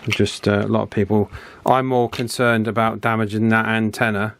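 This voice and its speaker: This man's lowish, fairly bright voice comes across flat and at a moderate pace, with a little hiss or hum in the audio. As host of an electronics repair channel, he gives hands-on, unscripted commentary while working, chatting casually and using plenty of tag questions.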